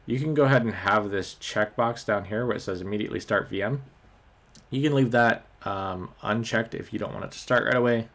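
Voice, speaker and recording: A man narrates a screen-recorded tech tutorial in a fairly low voice. His talk is loose and unscripted, filled with ums and uhs as he clicks through each step. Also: a little fast. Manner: relaxed, many ums and uhs. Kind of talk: screen-recorded software walkthrough.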